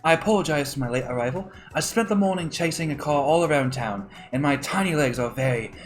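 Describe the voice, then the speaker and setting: Man doing a higher-pitched little dog professor, fussy and formal, lecturing a class. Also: lively intonation, fast talker, faint music behind, close to an everyday voice. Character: small tired male dog professor.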